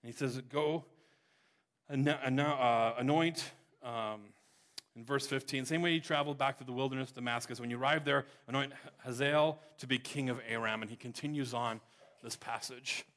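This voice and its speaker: A man preaching a sermon, retelling scripture with dramatic swings from loud emphasis to hushed, near-whispered lines. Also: mid-range voice, steady tone, normal speed.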